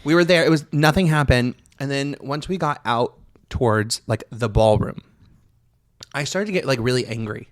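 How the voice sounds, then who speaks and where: A man co-hosting a podcast, telling a story in animated casual chat, full of fillers and swearing. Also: mid-range voice, moderate pace. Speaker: podcast co-host.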